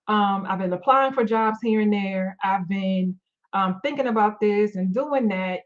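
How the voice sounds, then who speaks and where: A middle-aged life coach on a live stream gives a motivational talk, sounding tired and losing her voice. She speaks candidly at medium pitch with lots of fillers and restarts, and the audio is dull.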